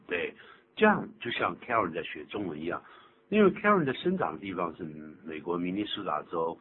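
A man's voice: low voice, a little fast. Older man teaching English on tinny radio. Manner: animated, explanatory, mixes English phrases into Mandarin. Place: radio studio. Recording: tinny lo-fi radio broadcast with faint hum.

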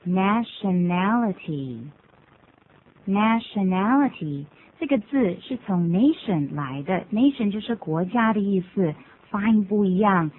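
A woman co-hosting a bilingual radio English lesson, saying English phrases slowly and clearly and adding quick explanations. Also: mid-range voice, lively intonation. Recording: narrow lo-fi radio broadcast sound.

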